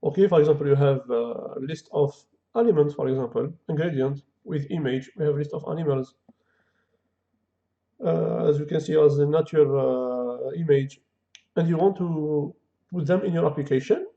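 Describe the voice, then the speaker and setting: A man with a gravelly, slightly high voice hosts an easygoing screen-recorded coding tutorial as a programming tutor. His English is halting and non-native, rooted in Kabyle or Arabic, and he thinks aloud with frequent fillers. Audio comes from a dull, lo-fi home recording.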